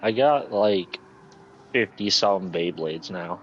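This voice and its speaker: A man's voice: low-pitched, animated, a little slow, muffled recording, background noise. A man streaming a game, chatting casually and laughing as he rambles. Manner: laid-back, rambling, laughs often. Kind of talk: casual chat while gaming.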